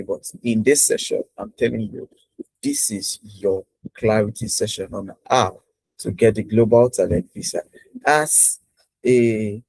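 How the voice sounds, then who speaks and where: A man's voice: on the low side, gravelly, darkish tone, husky, no room sound, low-quality recording. A man hosting a casual interview over a video call, chatty and repeating himself with many fillers. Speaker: host.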